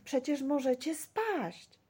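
A woman voicing a timid, dreamy young girl in a storybook reading, squeaking with surprise. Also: lively intonation, takes it slowly, dark tone. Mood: fearful. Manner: squeaky, wide-eyed.

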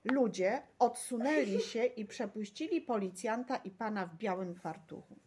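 A woman narrating a children's story aloud in a lively way, putting on the voices of the crowd. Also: medium pitch, moderate pace, slightly rough. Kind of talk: audiobook narration.

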